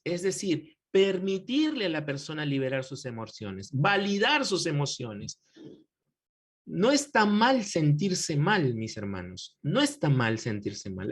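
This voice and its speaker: A man's voice: high-pitched, husky. A man teaching a church counseling course in a preacherly way, often asking the class questions and addressing them as brothers. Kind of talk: pastoral lecture to a class.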